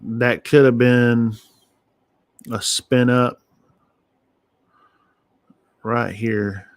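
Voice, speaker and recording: A man giving casual live weather radar commentary as an amateur streamer, thinking aloud in short, halting phrases. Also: medium pitch, steady tone, no echo. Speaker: amateur storm-watching livestream host.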